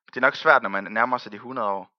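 A man preaching a sermon and telling the story in a lively way, acting out the people he quotes and laughing often. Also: medium pitch, no echo, dull audio.

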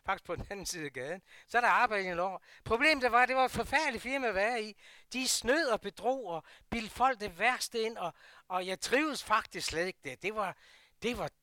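An older man with a Jutlandic Danish accent telling a personal story from his working life, swinging between loud bursts and hushed asides. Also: high voice, dry recording, clean studio sound. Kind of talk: personal anecdote.

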